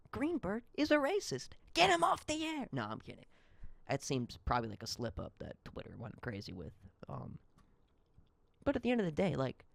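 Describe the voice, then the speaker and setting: A man's voice: medium pitch, gravelly, a little mellow, no room sound. A young man hosting a solo podcast, ranting in a rambling, profane, heated way. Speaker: podcast host. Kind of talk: solo comedic podcast rant.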